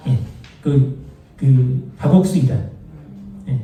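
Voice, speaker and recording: Male Bible study teacher, conversational, dark mellow voice, distant in a very echoey room. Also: mid-range voice, slow, faint music behind. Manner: conversational, explains doctrine with asides and anecdotes. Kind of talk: church Bible study lesson. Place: church room.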